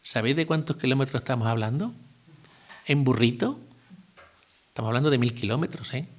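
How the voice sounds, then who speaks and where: A man, giving a relaxed retreat talk as a priest, asking his listeners questions and adding asides. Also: mid-range voice, fairly quick. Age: 50s. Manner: conversational, asks listeners rhetorical questions, adds asides and jokes.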